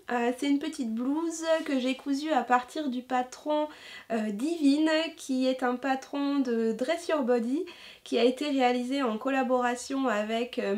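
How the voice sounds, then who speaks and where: A woman with a fairly high voice talks casually as a sewing vlogger. She is chatty and enthusiastic, often pausing on fillers and restarting her sentences. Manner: hesitant, many filler sounds and restarts. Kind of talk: casual chat.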